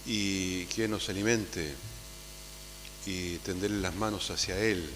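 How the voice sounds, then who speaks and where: A man, a priest giving a conversational homily at Mass, often tagging his sentences with a questioning "ah?" and calling loudly when he gathers the children. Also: low-pitched, fairly even intonation, slow pace. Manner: conversational, tags phrases with "¿ah?". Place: church. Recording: long church reverb with faint hum.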